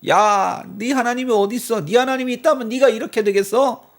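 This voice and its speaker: Sneering male mocker, higher and louder, put on by a preacher. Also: a little fast. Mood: mocking. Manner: taunting, sneering. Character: jeering, scornful male mockers taunting a king.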